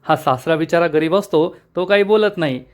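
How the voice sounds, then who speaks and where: A man's voice: on the high side, moderate pace. Man retelling a TV serial episode. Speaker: episode recap narrator.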